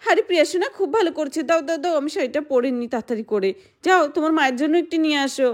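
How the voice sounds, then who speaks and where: A woman's voice: high voice, expressive, rapid-fire. A woman voicing a playful grown-up younger sister explaining things to her husband. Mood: kind. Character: adult woman Radha, cheerful younger sister.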